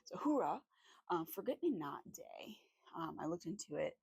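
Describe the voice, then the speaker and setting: A woman vlogging at home while drawing, chatting casually in a rambling, friendly way with lots of fillers, her voice slightly hoarse. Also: sits low, expressive, moderate pace, a little mellow, no room sound, rough recording. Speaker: art vlogger.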